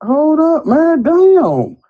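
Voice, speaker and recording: A man calling in over the phone, speaking in an animated, rhythmic way. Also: very high voice, very slow. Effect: heard over the phone. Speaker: caller. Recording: muffled phone line.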